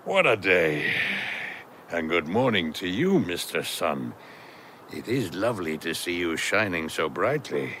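A man's voice: low voice, very animated, unhurried, a little hiss or hum, full character voice. A man voicing a kindly, cheerful old talking stone wall who greets the animals in a cartoon. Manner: warm, cheerful, gently amused.

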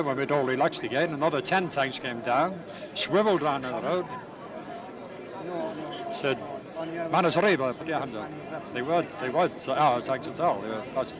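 Older Irish-born man recalling war, outdoors. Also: fairly high pitch. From Ireland. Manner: plain, unhurried storytelling with hesitations. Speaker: war veteran interviewee. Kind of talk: recalling memories in an interview. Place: outdoors at a busy city gathering. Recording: distant mic, crowd noise behind.

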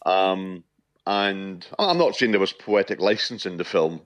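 A man in his fifties from Shetland with a Shetland Scottish accent, chatting as a radio interview guest in a halting way, often repeating words. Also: low-pitched, lively intonation, dry recording. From Shetland, Scotland. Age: 50s.

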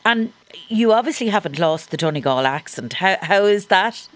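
A woman's voice: medium pitch, animated, moderate pace, no room sound. An Irish woman presenting on radio and interviewing in a conversational, engaged way. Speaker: radio host. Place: radio studio.

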